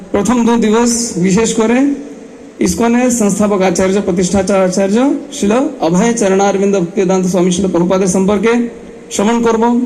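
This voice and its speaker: A man giving a spoken welcome as host of a religious event, speaking the halting Bengali of a non-native speaker. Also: high voice, warm tone. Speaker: event host and master of ceremonies at a religious festival.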